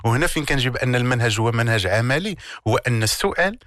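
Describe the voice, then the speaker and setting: As an interview guest, a man with a Moroccan accent explains self-development ideas in conversational coaching style, emphatic and didactic, repeating key words and asking rhetorical questions. His mid-range voice is animated, rapid-fire and a bit bright, recorded clean in a studio with no echo.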